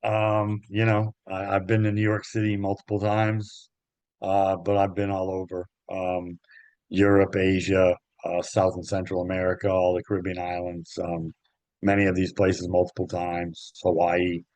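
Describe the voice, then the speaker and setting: A man who works as a golf travel agent, talking in a relaxed, halting way with many ums as an interview guest. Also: low voice, no echo. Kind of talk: interview conversation. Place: Myrtle Beach area.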